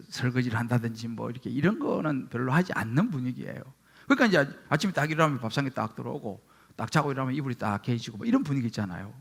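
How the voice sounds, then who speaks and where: A man's voice: fairly high pitch, creaky, breathy edge. A middle-aged man, a pastor preaching a sermon and acting out voices as he tells stories. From Gyeongsang region, Korea. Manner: animated storytelling, acting out quoted speech.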